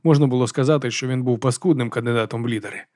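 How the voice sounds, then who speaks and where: A man reading a dark fantasy novel aloud as an audiobook narrator, in brisk, steady storytelling. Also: medium pitch, no echo, clean studio sound.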